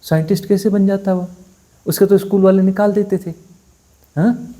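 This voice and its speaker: A spiritual teacher giving a satsang discourse, talking conversationally and bluntly, often pausing to ask his listeners for agreement. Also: high-pitched, steady tone, mellow. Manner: conversational, keeps asking "है ना?" for assent; blunt and dismissive, mocking.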